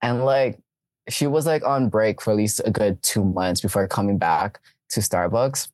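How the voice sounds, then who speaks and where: A woman's voice: very deep voice, normal speed, a little mellow, no echo. Host, young woman, loose rambly storyteller, dry close sound. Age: young adult. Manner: rambling, filler-heavy with lots of "like". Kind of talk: casual storytelling chat.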